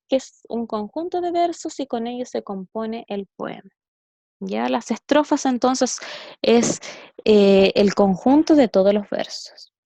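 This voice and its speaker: A woman's voice: fairly high pitch, dark tone, no room sound. A woman teacher with a Chilean Spanish accent gives a recorded lesson to pupils, explaining step by step and checking in with "¿cierto?". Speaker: schoolteacher. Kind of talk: recorded classroom lesson over slides. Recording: dull lo-fi dry recording.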